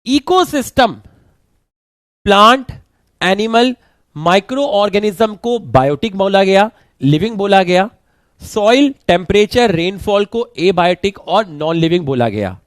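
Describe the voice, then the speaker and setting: Brisk high-voiced man teaching. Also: expressive, no room sound. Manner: brisk, urging students to hurry. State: sore throat. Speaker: online teacher. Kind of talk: online revision lecture.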